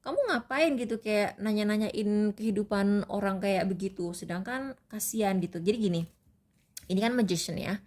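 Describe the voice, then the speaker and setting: A woman's voice: mid-range voice, normal speed, darkish tone. Woman from Indonesia, tarot reader, casual advice chat, loose and chatty, many fillers and restarts.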